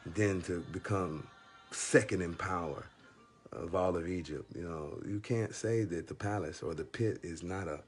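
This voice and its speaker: A man giving casual, rambling spiritual encouragement to one listener. He uses plain everyday wording, stops and restarts often, fills pauses with "you know", and chuckles as he talks. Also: low-pitched, soft background music. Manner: rambling and halting, with constant "you know" fillers; chuckles through his stories. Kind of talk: casual faith talk addressed to one listener.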